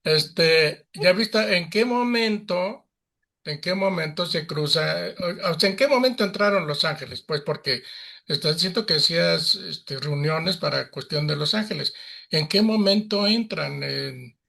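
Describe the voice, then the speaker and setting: Man with a bright gravelly voice. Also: on the high side, unhurried. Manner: hesitant, searching questions. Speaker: podcast host. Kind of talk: casual podcast interview.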